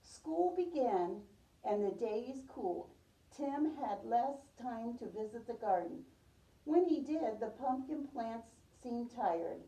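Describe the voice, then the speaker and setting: Slow and animated, a woman with a mellow, higher-leaning voice reads a picture book to preschoolers as a teacher, asking questions. She repeats pupils' replies back and affirms them. A distant microphone gives the audio a roomy sound.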